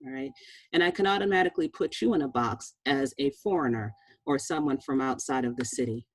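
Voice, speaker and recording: A woman's voice: a bass voice, brisk, slightly rough, no room sound. Woman doctor in her fifties, lecturing conversationally, dry close sound. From Boston, USA. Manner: conversational, checks in with "all right?" and "okay?". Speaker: physician giving a talk. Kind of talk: presentation lecture.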